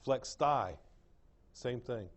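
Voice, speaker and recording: A man's voice: medium pitch, drawn-out words. A man with an East Texas drawl teaching an anatomy class, repeating key terms and checking that the class follows. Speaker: anatomy lecturer. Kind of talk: classroom lecture. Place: lecture room.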